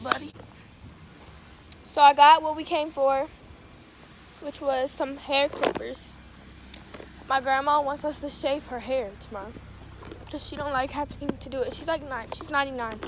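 A young woman vlogging from inside a car on a phone held at arm's length, talking casually in slangy, profane speech and getting loudly worked up. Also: sits high, steady tone, moderate pace, pauses often. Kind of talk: casual vlog chat. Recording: phone recording with loud car and street noise.

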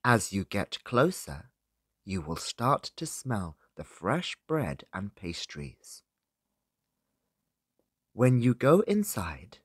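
A British-accented English teacher narrates a scripted beginner listening lesson, breaking his words into simple, separated phrases for learners. His voice is medium-pitched with a breathy edge, recorded in a clean studio with no room sound.

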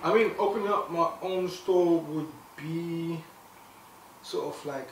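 This young man from Zimbabwe, founder of a clothing brand, speaks slowly with a voice on the high side during a sit-down interview on an indoor sofa. He's animated, with many fillers and restarts. The far camera mic leaves him distant and echoey, with a little hiss or hum.

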